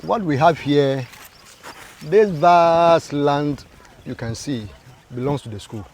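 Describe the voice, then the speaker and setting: Slow, deliberate school owner. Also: male voice, on the high side, darkish tone. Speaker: school proprietor. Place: outdoors on a farm.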